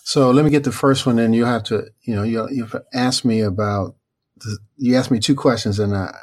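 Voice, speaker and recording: A preacher and author answers interview questions reflectively and without hurry, full of fillers and restarts. His voice is neither booming nor deep, and his intonation stays fairly even.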